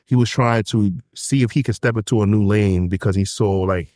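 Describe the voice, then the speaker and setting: A man's voice: fairly low pitch, brisk, no room sound, clean studio sound. A man co-hosting a music podcast, telling stories and arguing his views in casual chat. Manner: animated storyteller, opinionated. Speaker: podcast co-host.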